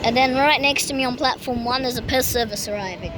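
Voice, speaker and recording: High-voiced woman, live trainspotting commentary. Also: fast. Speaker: trainspotting vlogger. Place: outdoor train station platform. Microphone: handheld phone. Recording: noisy outdoor phone recording, train rumble. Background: trains and station ambience.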